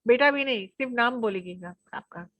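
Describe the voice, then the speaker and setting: Lively woman lecturer, a bit high. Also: normal speed, no room sound. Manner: lively, demonstrates examples with her voice, laughs often. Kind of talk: online college lecture.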